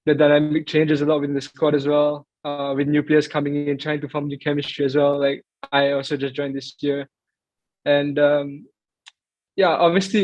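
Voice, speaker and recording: A man's voice: a little high, no echo, dull audio. A young man who grew up in Greece answering interview questions in a thoughtful, hesitant way, with many fillers. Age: young adult. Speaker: footballer guest.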